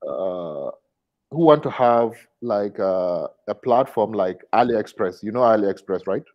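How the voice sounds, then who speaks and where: On an online webinar, a man with a Nigerian accent asks an unscripted question as an attendee, his low-leaning voice animated and measured in pace. It's captured through a video call, so the audio sounds dull and lo-fi.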